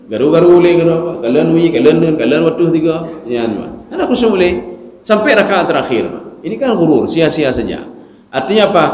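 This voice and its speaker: A male preacher giving a study sermon in a mosque, animated and joking, acting out mumbled recitation. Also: on the high side. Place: mosque hall. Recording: echoey mosque hall.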